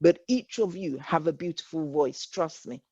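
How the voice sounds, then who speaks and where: A workshop facilitator with an English accent gives an encouraging talk, earnest and reassuring, often repeating her points. Her voice sits low and is dark and slightly rough, at a moderate pace with no echo, over dull lo-fi online call audio.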